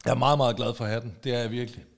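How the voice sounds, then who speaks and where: A man with a dry, teasing delivery, chatting casually as a podcast co-host. He makes his jokes quietly and lets them land. His voice sits at a middle pitch. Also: fairly even intonation, vocal fry, a crowd in the background. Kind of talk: casual chat.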